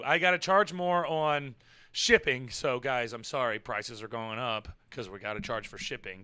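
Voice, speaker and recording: Hosting a livestream, a man talks casually with his viewers, rambling, cursing offhandedly and jumping into loud, excited outbursts. His voice sits a bit high and is bright and smooth at its core, yet hoarse and worn from yelling.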